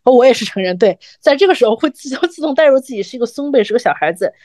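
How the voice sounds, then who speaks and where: A woman in her thirties co-hosts a podcast and tells a personal story in a reflective, chatty way. Her voice sits a little high. The recording is dry and close. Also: animated, racing, a little mellow, dry recording. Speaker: podcast co-host. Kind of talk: podcast conversation.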